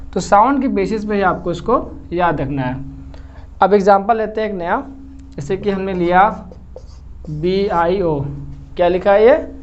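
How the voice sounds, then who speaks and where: An English teacher patiently explains a lesson, repeating words and checking that the class is keeping up. His voice sits high with a darkish tone, captured in a slightly dull lo-fi recording with faint noise.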